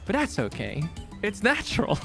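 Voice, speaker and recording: A man streams a game with music playing behind him. His voice sits a bit high and moves around a lot in pitch as he reads narration dramatically and comments in a loose, sweary, expressive way. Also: normal speed, creaky. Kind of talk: casual gameplay commentary and dramatic read-aloud narration. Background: background music.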